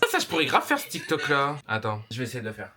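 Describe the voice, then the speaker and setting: A young man talking to camera in a casual vlog, chatty and excitable, swearing casually into a handheld mic. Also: medium pitch, quick pace, over music. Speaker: vlogger. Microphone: handheld microphone.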